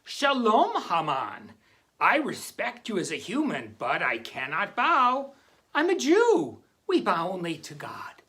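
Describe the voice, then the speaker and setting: A woman's voice: medium pitch, huge pitch swings, takes it slowly, fairly bright tone, full character voice. A woman playing a humble, devout man who tells his own story in a plain, earnest way. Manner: plain, earnest first-person telling.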